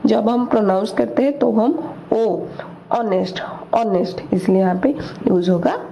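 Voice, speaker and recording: A woman teaching English grammar, explaining slowly and repeating each word, asking questions and answering them herself. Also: a little high, creaky, mellow. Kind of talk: slow explanatory lesson in Hindi. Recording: dull lo-fi recording with faint noise.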